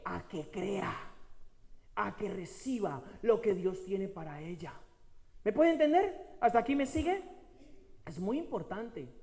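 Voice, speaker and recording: Animated, slow-preaching man in a reverberant hall. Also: high voice. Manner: slows and stretches key words for emphasis, repeats phrases. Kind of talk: sermon.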